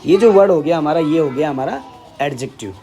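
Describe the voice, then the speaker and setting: A man's voice: fairly high pitch, lively intonation, a little fast, music in the background. A man teaching an English grammar lesson in Hindi, explaining step by step and often checking with "ठीक है".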